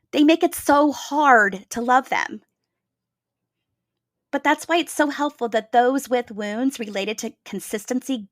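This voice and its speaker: A woman's voice: on the high side, a bit bright, no room sound, clean studio sound. A woman hosting a podcast, telling a reflective story in an earnest, emphatic way. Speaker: podcast host.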